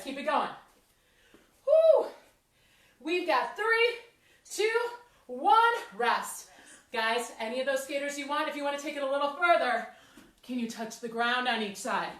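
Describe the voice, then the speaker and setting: Breathless high-voiced woman fitness instructor. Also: bright, forceful tone. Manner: encouraging, counting down reps. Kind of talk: workout class instruction. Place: fitness studio. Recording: echoey room, mic at a distance.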